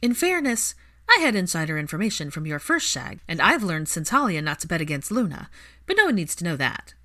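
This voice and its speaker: A woman voicing a brash, teasing young woman who is the heroine's bold friend, in a loud, bossy way. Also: on the low side, big pitch swings, fairly quick.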